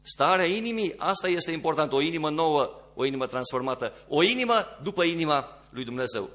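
Bright-voiced preacher with swelling emphasis. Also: male voice, lively intonation. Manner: swings between quiet low passages and rising emphatic ones. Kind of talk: sermon.

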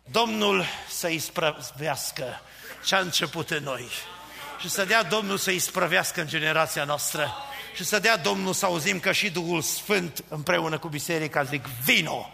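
Pastor guy preaching hard, gravelly voice, big echo in a church hall. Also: a little high. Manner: fervent preaching, rising to shouts. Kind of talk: sermon.

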